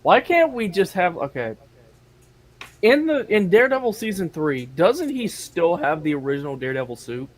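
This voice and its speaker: A man's voice: high-pitched, sing-song, moderate pace. A man in a casual podcast chat, earnestly laying out a question step by step. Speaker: podcast guest.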